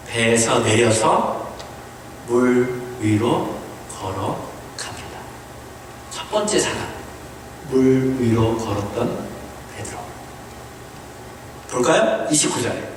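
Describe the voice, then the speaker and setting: A Korean man preaching a sermon as pastor, asking the congregation questions and mixing in short English phrases, swinging between high emphatic lines and low quiet ones. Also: expressive, takes it slowly, pauses often, a little hiss or hum. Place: church sanctuary. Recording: echoey church hall, voice from a distance.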